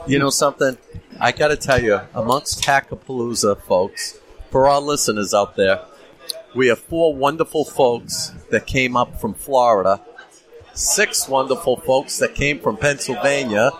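A man's voice: medium pitch, measured pace, fairly bright tone, poor audio. A man co-hosting a casual podcast in a cigar lounge, joking with his guests. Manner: jokey, hypes up guests. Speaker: podcast co-host. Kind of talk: casual chat.

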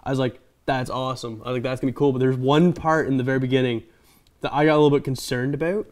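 A man's voice: medium pitch, steady tone, fast talker, darkish tone. A young man co-hosting a casual movie podcast, rambling and joking and acting out lines he quotes. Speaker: podcast co-host.

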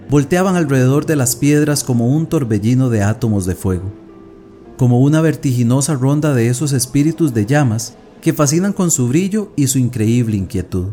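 A man's voice: medium pitch, animated, moderate pace, mellow, faint music behind, lightly acted. A man reading as an obsessed, tormented young woman. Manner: feverish, brooding monologue. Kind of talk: audiobook reading of a classic tale.

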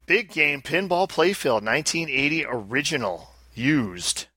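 A man's voice: on the high side, very animated, unhurried, sharp tone, dry recording, clean studio sound. A man co-hosting a podcast, chatting casually and reading out listings. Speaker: podcast co-host.

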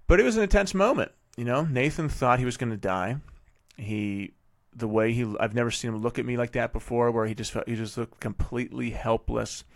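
Gravelly low-voiced man telling a story. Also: no room sound, studio quality. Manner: vivid, animated retelling with frequent restarts. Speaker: podcast host and father. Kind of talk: casual storytelling monologue.

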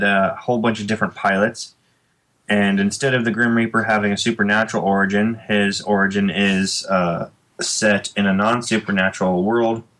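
Chatting on a podcast, a man in his late thirties who creates comic books wanders through his thoughts with plenty of filler words. He has a lowish, slightly bright voice.

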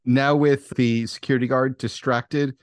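A man narrating a tabletop game as game master, setting scenes in a dramatic, deliberate way. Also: mid-range voice, steady tone, no room sound, clean studio sound.

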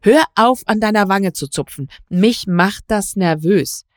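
A woman reading aloud voices a brisk, sharp-tongued wife who scolds and urges her husband along. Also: animated, no room sound, clean studio sound. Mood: scolding. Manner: brisk, scolding, higher pitched.

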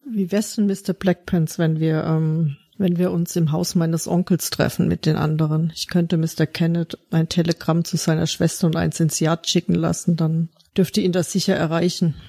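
A woman's voice: fairly low pitch, little pitch movement, normal speed, vocal fry, few pauses, dark tone. A woman playing a polite young Victorian lady hostess who speaks graciously, with hesitant fillers.

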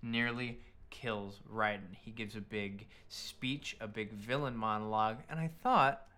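A man's voice: fairly low pitch, steady tone, unhurried, pushed and bright. A man hosting a podcast, telling a story in a partly scripted, casual, irreverent and emphatic way, with some swearing. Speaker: podcast host.

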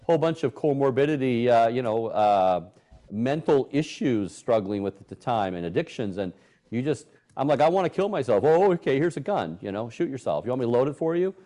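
A middle-aged man hosting a talk show, commenting on the news with indignation and animated, acted-out quotes. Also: mid-range voice, a little fast. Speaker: host. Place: Michigan.

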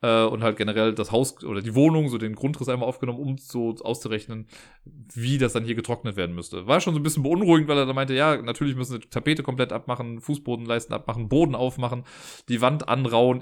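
A man at a middling pitch rattles through a casual story at a brisk clip. He sounds exasperated and chatty and keeps tagging his sentences with a quick "ne?". He is talking from his own living room.

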